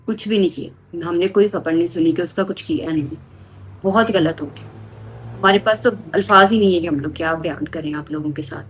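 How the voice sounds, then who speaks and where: A woman's voice: fairly low pitch, a little hiss or hum. A woman, telling a victim's account and appealing urgently to viewers. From Pakistan. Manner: emotional, urgent, indignant. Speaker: activist relaying a victim's account.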